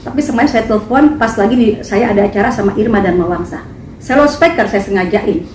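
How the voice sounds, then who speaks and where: A woman's voice: medium pitch, quick pace, darkish tone, far from the mic. A woman singer making an emphatic, indignant statement at a press conference. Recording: echoey, from afar, faint noise.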